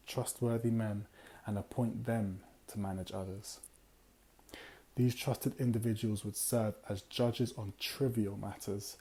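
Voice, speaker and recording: The recording is low quality as a UK book club host reviews a book in a low, mellow voice that hardly rises or falls. Tired and a touch raspy, he rambles with fillers and pauses here and there to read passages aloud.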